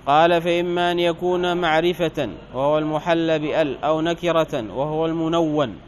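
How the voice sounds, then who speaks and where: A man with a fairly high voice teaches a grammar lesson, working through a text line by line. He reads the quoted passages louder and lingers on each example. A faint hiss runs under the recording. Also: fairly even intonation, low-quality recording. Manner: reads quoted text louder, slows on examples, corrects his own slips. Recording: faint background noise.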